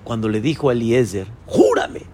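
A man, a rabbi, teaching a Torah lesson, asking his listeners rhetorical questions and jumping to a high voice when quoting figures. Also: lively intonation, measured pace, faint music behind. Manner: voices quoted figures with sudden high pitch.

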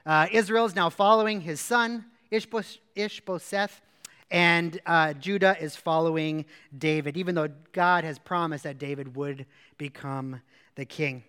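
A male pastor giving a sermon in a relaxed, conversational way, retelling a story in plain words with casual asides. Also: a little high, unhurried, clear, resonant tone, long reverb tail.

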